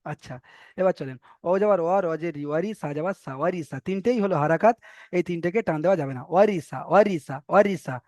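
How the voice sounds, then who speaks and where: A man teaching a Quran reading lesson, spelling out Arabic letters and patiently repeating each syllable slowly for his students. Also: sits high, darkish tone, no room sound, studio quality. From Bengal.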